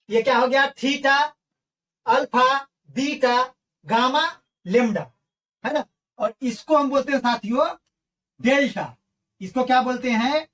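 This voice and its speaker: A woman's voice: fairly high pitch, far from the mic. A woman teacher giving an online math lesson, who drills her students with call-and-response questions and calls them her friends. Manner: addresses viewers as friends.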